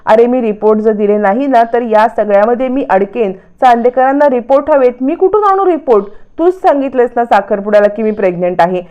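A woman's voice: on the high side, animated, a little fast, few pauses, highs cut off, close to an everyday voice. A woman voicing a scheming young woman who pleads and wheedles to get a favor. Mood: pleading.

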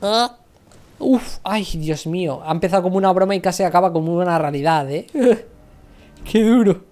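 A woman's voice: on the low side, expressive, normal speed, darkish tone. A young woman with a Spain Spanish accent chatting and complaining dramatically while streaming a game, swearing freely. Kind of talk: live game stream commentary.

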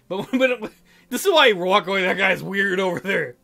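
A man with a high, gravelly, bright voice hosts a let's play, reading a visual novel aloud at normal speed. He's expressive and forceful, tossing in jokey, theatrical commentary and silly mock voices. Game music plays behind him.

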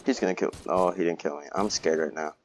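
A young man giving excitable, rambling gameplay commentary and joking at his own expense. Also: sits low, fast talker, a little hiss or hum. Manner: excitable, rambling, playfully self-mocking. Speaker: gamer.

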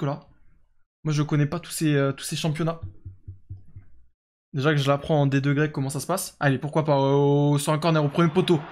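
A young man streaming a football management game, chatting casually and answering his viewers as he plays. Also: fairly high pitch. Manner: chatty, reads and answers chat, lots of fillers. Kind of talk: casual live game commentary.

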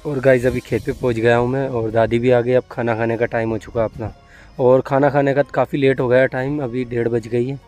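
A man's voice: mid-range voice, little pitch movement, a little fast, a little mellow, faint music behind. A young man narrating his daily life in a casual vlog, talking into a phone held at arm's length outdoors. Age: young adult. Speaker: vlogger. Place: outdoors, on farm fields and streets.

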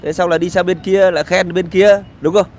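This middle-aged man's voice is high and a little mellow, fairly even in intonation and a bit fast. He's vlogging casually from a street, ranting with sarcasm, crude language and swearing as he rambles. Slight background noise is present.

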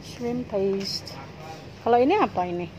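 A woman's voice: a little high, lively intonation, a little slow. A woman vlogging as she shops in an indoor food shop, chatting and exclaiming, filmed on a handheld phone. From Indonesia. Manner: chatty, exclaiming, mixing English and Indonesian. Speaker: vlogger shopping. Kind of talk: casual chat. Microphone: handheld phone camera. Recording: loud shop background noise.

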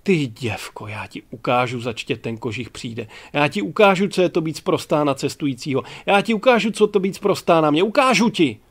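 A proud, easily offended cruise passenger, as a male narrator voices him. He sounds indignant and stiff, with a gravelly edge. Read for an audiobook. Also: mid-range voice, few pauses, lightly acted. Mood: enraged shouting.

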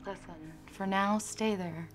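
A woman's voice: medium pitch, fairly even intonation, measured pace, over music, close to an everyday voice. An actress playing a sorrowful mother on the phone. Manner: gentle, sorrowful.

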